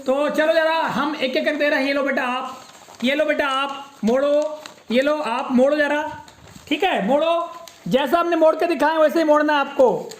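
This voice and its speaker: A woman teaching young children in a classroom, coaxing them and repeating words slowly for them to say back. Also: high-pitched. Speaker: primary school teacher.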